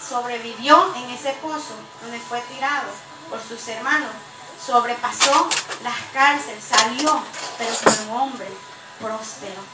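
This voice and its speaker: A woman pastor with a high voice preaches a heartfelt sermon, rising to loud declarations and then dropping to hushed, tender passages. Her voice is recorded from a distance in an echoey church sanctuary. Music plays clearly underneath. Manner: impassioned preaching, swinging between loud and hushed. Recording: echoey church hall, mic from afar, music behind.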